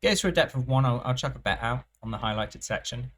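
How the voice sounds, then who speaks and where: A man giving thinking-aloud commentary over live roulette play, musing and unhurried, often trailing off and restarting his phrases. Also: medium pitch, expressive, fairly bright tone. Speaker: roulette strategy presenter.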